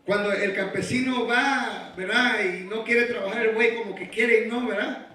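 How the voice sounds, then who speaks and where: A man preaching a sermon in a very high, bright voice. He asks rhetorical questions and builds toward shouted exhortations. The voice comes from some way off the mic and rings through a very echoey church hall. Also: steady tone, moderate pace, distant mic. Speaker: pastor.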